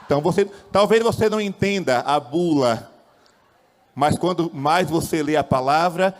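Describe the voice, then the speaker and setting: A priest giving a fiery sermon, swinging widely between loud high exclamations and low quiet phrases, asking rhetorical questions and leading the congregation in call-and-response. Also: male voice. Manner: impassioned preaching with wide swings in pitch and loudness, rhetorical questions. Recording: long church reverb.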